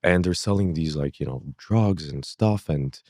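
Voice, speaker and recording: A man's voice: rumbling low, moderate pace, a little mellow, no room sound, studio quality. A man in his thirties, born in Kazakhstan, telling his story as a podcast guest in a rambling way, full of fillers and acted-out asides. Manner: rambling, fillers, acts out his own past thoughts. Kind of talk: casual interview.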